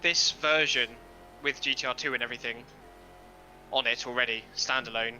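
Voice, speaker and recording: A man's voice: mid-range voice, steady tone, moderate pace, sharp tone, slight background noise, rough recording. A man streaming a sim race, chatting casually on a headset, self-deprecating and swearing now and then. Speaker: streamer and sim racing driver. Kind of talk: casual chat while racing.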